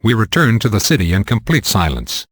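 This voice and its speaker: A man narrating an audiobook in a measured, unhurried reading. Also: lowish voice, very animated, a bit bright, slightly rough, no echo.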